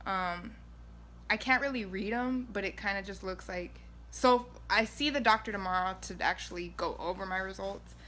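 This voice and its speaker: Bright-voiced woman vlogging casually. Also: medium pitch, moderate pace. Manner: informal, rambling, self-questioning. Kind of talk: casual chat to camera.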